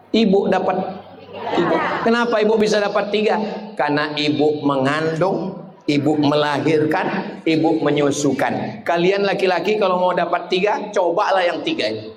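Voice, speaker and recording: A man preaching an Islamic sermon to a live audience, animated, with wide pitch swings and humorous acted-out scenes. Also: moderate pace, a faint crowd, a little hiss or hum. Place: large hall at a religious gathering. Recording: echoey hall with faint ambience.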